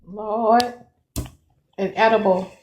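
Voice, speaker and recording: A woman's voice: mid-range voice, fairly even intonation, slow, lo-fi sound, a little hiss or hum. A woman hosting a casual live panel chat, playfully egging the others on. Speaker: host of a live panel show.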